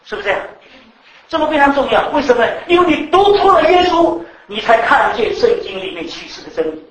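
Male preacher, high voice, lively and repetitive, quizzing the room; off-mic in an echoey hall. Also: brisk, recorded from a distance. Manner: animated, repeats words, laughs, asks the audience questions. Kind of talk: sermon. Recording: echoey room, speaker off-mic, faint background noise.

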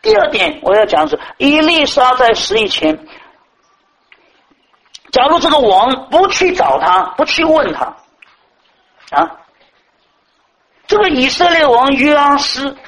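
A man's voice: sits high, fairly bright tone, poor audio. A man preaching a sermon in a conversational, admonishing way, full of rhetorical questions and repeated filler words.

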